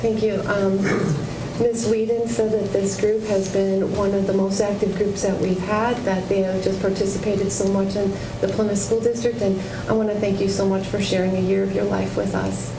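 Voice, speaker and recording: A woman's voice: medium pitch, moderate pace. A woman, a school district administrator, giving announcements at a board meeting, reading out names, dates and awards. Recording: noisy community TV recording.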